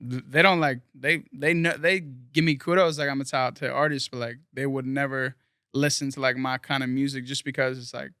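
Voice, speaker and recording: A man's voice: medium pitch, fairly even intonation, brisk, bright, forceful tone, smooth, dry recording, clean studio sound. A young man from South Florida, a guest musician talking casually in an interview, rambling earnestly with lots of fillers.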